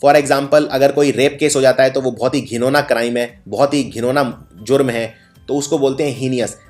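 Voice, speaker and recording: Man, patient teacher, spells words letter by letter, mid pitch. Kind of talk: explaining lesson.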